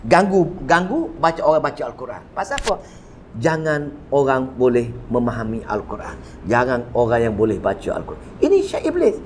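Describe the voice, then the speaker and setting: Malaysian male religious teacher, animated lecture style, acts out quotes, faint background noise. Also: fairly quick. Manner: animated storyteller, swinging pitch for quoted voices, repeats words for emphasis. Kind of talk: Quran commentary lecture.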